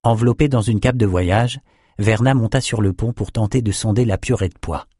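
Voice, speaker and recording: A man narrating a seafaring adventure in a measured, unhurried storytelling manner. His voice sits on the low side, and the recording is close and dry. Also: warm tone, slightly rough, no room sound. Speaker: audiobook narrator. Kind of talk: scripted narration.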